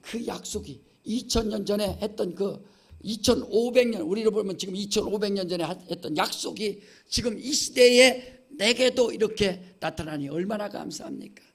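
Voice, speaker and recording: A middle-aged male pastor with a Chungcheong accent preaches in a church, emphatic and insistent, checking in with the congregation again and again. His voice sits high for a man and carries a gravelly fry. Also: normal speed. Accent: Chungcheong Korean. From Chungcheong, Korea. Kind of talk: sermon. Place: church sanctuary.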